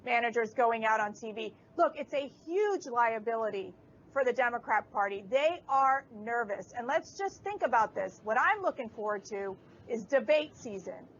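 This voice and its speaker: A woman with a high voice gives energetic, mocking commentary as a guest on a political talk show. The audio sounds dull and lo-fi. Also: normal speed, a little hiss or hum. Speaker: panel guest.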